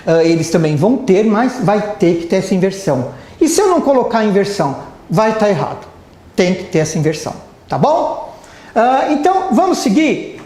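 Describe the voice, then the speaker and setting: A teacher with a Brazilian Portuguese accent leads a live English lesson, voice rising and falling in wide swings. They talk to the class warmly and stop often to check that everyone is following. The sound carries a roomy echo. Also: mid-range voice, normal speed. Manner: lively, keeps checking in with the class.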